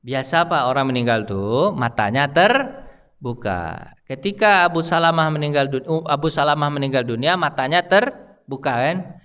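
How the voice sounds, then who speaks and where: A man's voice: fairly high pitch, lively intonation, moderate pace, a bit bright, clear, resonant tone. A male preacher giving a mosque sermon, often putting questions to the congregation. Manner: keeps asking the congregation questions. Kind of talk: mosque sermon, Islamic study class. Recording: long reverb of a mosque hall.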